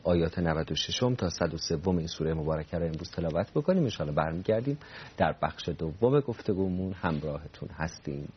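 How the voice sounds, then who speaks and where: A man's voice: low-pitched, slightly rough, highs cut off. A man hosting a religious talk program, polite and affirming, giving formal closing remarks. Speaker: program host. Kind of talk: broadcast talk show hosting.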